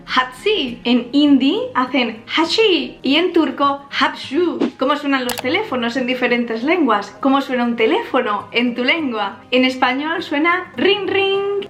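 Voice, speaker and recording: A woman with a Spain Spanish accent, her voice sitting quite high. She hosts an upbeat educational vlog about language and imitates each sound with relish. Soft music plays faintly behind her. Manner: playful, imitating sounds with gusto. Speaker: language YouTuber. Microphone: camera mic, filmed at close range.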